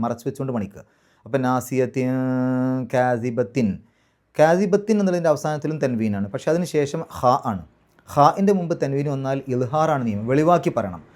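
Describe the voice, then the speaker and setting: A man teaching Quran recitation rules, patiently slowing down to model each word. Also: mid-range voice, darkish tone. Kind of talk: explaining recitation rules in a class.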